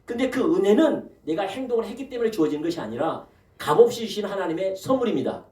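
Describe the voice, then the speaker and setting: A man's voice: high voice, quick pace. A man preaching a sermon as pastor, throwing rhetorical questions to the congregation and calling for amens. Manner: animated preaching with rhetorical questions and calls of amen. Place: church sanctuary. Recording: echoey church hall from a distant mic.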